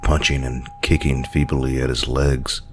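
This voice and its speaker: A man telling a horror story in a slow, brooding narration. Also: a bass voice, little pitch movement, faint music behind.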